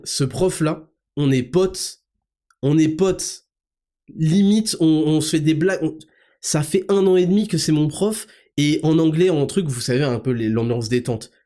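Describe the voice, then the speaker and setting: Animated man telling a story. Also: fairly high pitch. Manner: animated, rambling, colloquial, frequent restarts. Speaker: podcast host. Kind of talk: casual storytelling to listeners.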